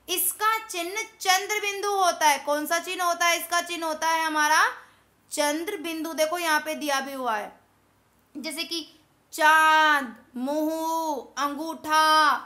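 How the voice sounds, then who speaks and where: A woman's voice: very high-pitched, bright, forceful tone. A woman teacher explaining a grammar lesson to children step by step, repeating words and asking questions back.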